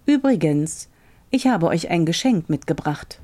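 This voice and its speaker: A woman's voice: on the low side, expressive, unhurried, dark tone. A woman doing a sly, teasing young prince. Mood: mocking. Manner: polite, teasing, ironically courteous. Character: sly young man, a poor prince, mocking.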